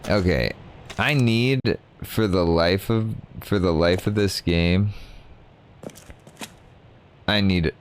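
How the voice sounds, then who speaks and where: A man's voice: sits low, slow pace, pauses often, slight background noise. A young man streaming a game, talking in a drowsy, rambling, self-mocking way. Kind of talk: casual gameplay commentary.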